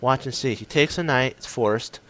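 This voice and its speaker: A man walking through one of his own chess games, excitable and punchy, often stopping to correct himself. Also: mid-range voice, moderate pace. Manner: excitable, self-correcting, punchy short phrases. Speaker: chess commentator. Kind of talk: casual game commentary.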